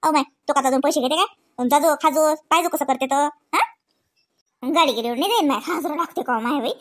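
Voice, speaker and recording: Acted lightly by a woman, a gabby village auntie from a comedy cartoon talks a bit fast in a high-pitched voice. Her speech is rustic Varhadi Marathi from Vidarbha, gossipy and full of exclamations.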